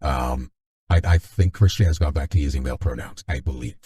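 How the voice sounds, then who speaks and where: Male stream host with a deep voice-changer voice, extremely low, rambling and joking. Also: brisk, mellow. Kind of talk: casual stream chat.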